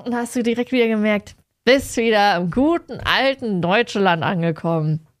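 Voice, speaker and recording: A young woman, co-hosting a podcast, telling stories in a lively way and acting out the people in them. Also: mid-range voice, normal speed, no echo, clean studio sound. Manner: lively storytelling, acts out quoted people. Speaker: podcast co-host. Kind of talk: casual chat.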